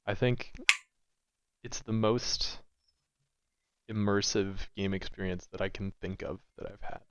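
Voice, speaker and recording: A man's voice: fairly low pitch, fairly even intonation, unhurried. A man co-hosting a podcast in easygoing, reflective casual chat. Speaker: podcast co-host. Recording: dull lo-fi audio.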